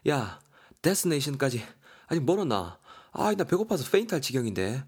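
Guy doing a high whiny tired hiker dude, groaning and cursing. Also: very animated, unhurried, slightly rough. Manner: whining, groaning, cursing under breath. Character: whiny worn-out young male hiker.

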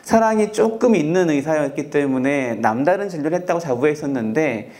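A man in his forties, a dermatologist guest on a talk show, telling a personal story in a measured, earnest way with many fillers. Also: a little high, expressive, a little mellow. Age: 40s.

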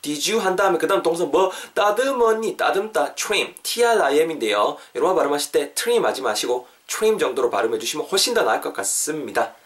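A man hosting a podcast language lesson, chatty, explaining step by step and repeating phrases slowly for practice. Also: fairly high pitch, lively intonation. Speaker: host and English teacher.

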